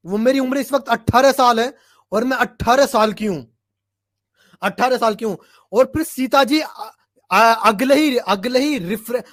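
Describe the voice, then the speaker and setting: A man's voice: very high voice, a bit bright, dry recording, clean studio sound. A man arguing in an online religious debate, emphatic and challenging, repeating his points for force. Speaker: debate panelist.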